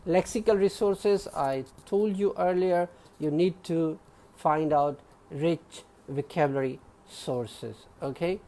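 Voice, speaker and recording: Speaking slowly in a dark-toned, mid-range voice, a Pakistani-accented exam prep teacher runs a live online class. He explains material clearly, keeps asking "okay?" to check in, and addresses students by name.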